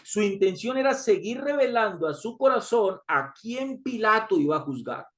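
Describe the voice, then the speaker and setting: A man's voice: high-pitched, big pitch swings, moderate pace, fairly bright tone. A man preaching a sermon, reading scripture aloud and repeating key lines for emphasis, calling his listeners brothers.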